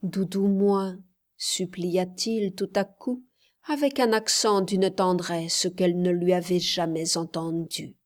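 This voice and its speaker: A woman narrating a novel as an audiobook reader, in measured storytelling. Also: on the low side, steady tone. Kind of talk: scripted narration.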